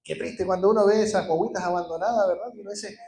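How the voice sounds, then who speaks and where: High-voiced Chilean pastor preaching passionately. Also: male voice, fairly even intonation, fast, warm tone, echoey room. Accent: Chilean Spanish. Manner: impassioned, builds to emphatic repeated declarations; frequent hesitations and restarts. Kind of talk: sermon. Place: church.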